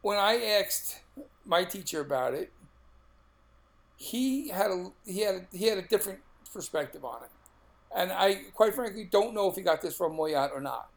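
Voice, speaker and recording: Male podcast co-host, Brooklyn accent, middle-aged, casual talk, raised pitch with plenty of fry. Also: lively intonation, moderate pace. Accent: Brooklyn, New York.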